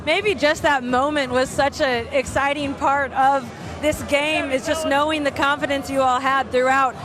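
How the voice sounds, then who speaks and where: A woman's voice: high-pitched, fairly even intonation, normal speed, over music. A woman working as a sideline reporter, conducting a live post-game interview on an outdoor football field. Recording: loud stadium crowd behind, outdoors.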